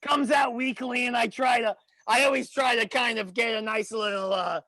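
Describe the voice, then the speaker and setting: Guy doing a tipsy sleazy wrestler guy, gravelly and husky, rambling crude stuff. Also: very high voice, fairly even intonation, moderate pace, bright, forceful tone, dry recording, full character voice, poor audio. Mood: boastful rambling. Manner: rowdy, crude, rambling and stammering. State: tipsy from shots. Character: crude drunken sleazy male wrestler persona.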